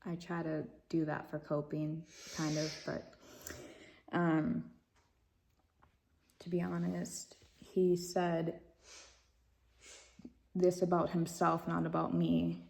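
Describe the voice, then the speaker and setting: A woman's voice: on the low side, completely flat delivery, takes it slowly, gravelly, long pauses, a little mellow, a little hiss or hum. A young woman vlogger telling a personal story in a casual, rambling way, giggling nervously now and then.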